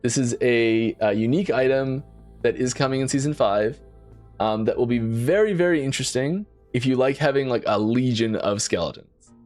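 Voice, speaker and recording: A man hosting a casual developer Q&A stream while playing, talking in a lively way and often repeating words and restarting his sentences. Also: mid-range voice, moderate pace, soft background music. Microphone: desk mic.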